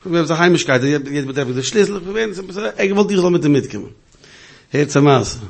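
A man telling a story in a casual, halting way, often restarting and repeating words. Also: mid-range voice, creaky, breathy edge.

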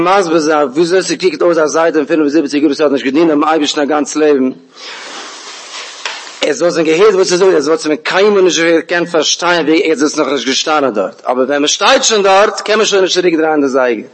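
A man with a somewhat high voice tells a folk tale animatedly. He often repeats words and voices the characters' lines himself.

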